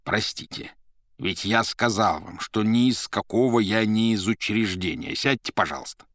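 A man's voice: lowish voice, moderate pace, a bit bright, dry recording, studio quality, pitched above the performer's own voice, lightly acted. A man reading an audiobook, voicing a surly, bored man who talks curtly and sardonically. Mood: grumbling. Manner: grumbling, curt. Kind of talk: audiobook character voice.

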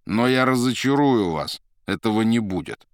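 A man's voice: mid-range voice, expressive, moderate pace, dry recording, studio quality, pitched above the performer's own voice, natural voice. A man reading an audiobook, voicing a surly, bored man who talks curtly and sardonically. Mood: sardonic. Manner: grumbling, curt. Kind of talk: audiobook character voice.

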